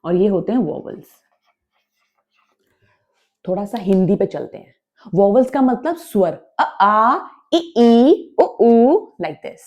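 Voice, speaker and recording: Slow, emphatic woman teaching English grammar. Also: medium pitch, animated, darkish tone, dull audio. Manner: repeats points emphatically, drills sounds aloud; mixes Hindi with English words. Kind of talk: classroom-style grammar lesson.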